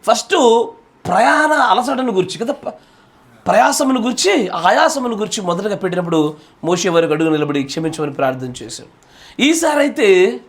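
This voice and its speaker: High, lively Telangana-accented pastor. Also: male voice, a little fast. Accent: Telangana Telugu. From Telangana, India. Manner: jokey, asks the room "yes or no?" again and again. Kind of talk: home Bible study sermon. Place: home gathering.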